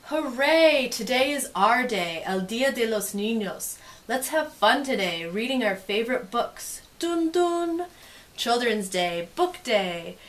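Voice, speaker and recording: A woman with a fairly high voice presents a bilingual picture-book read-aloud, adding casual commentary. She reads expressively and softens when commenting, taking it slowly throughout.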